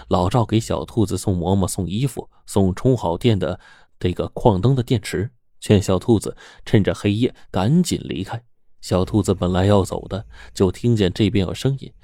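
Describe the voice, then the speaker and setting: A man narrating a serialized story in a steady, dramatic storytelling manner. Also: fairly low pitch, dry recording, studio quality.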